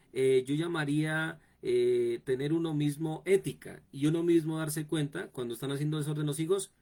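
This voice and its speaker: Male pastor, slightly high voice, direct repetitive preaching. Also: darkish tone. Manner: repetitive, direct address to the congregation. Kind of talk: sermon teaching.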